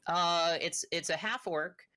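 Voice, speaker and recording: A woman's voice: on the low side, measured pace, pushed and bright. A woman running a tabletop game as game master, narrating casually with hesitations and self-corrections.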